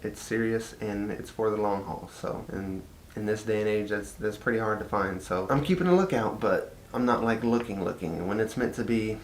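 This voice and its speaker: A young man from Texas with a Texan Southern accent chats casually in a personal vlog, filling his talk with "like" and repeats. He speaks at normal speed with few pauses, recorded in an echoey room with a faint rumble.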